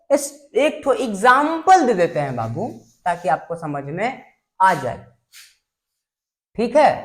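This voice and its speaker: A woman teacher explains English grammar at an unhurried, deliberate pace. Her voice sits a little high, and she patiently repeats each sentence pattern for her students. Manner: patient, addresses students as "babu". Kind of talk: classroom grammar lesson.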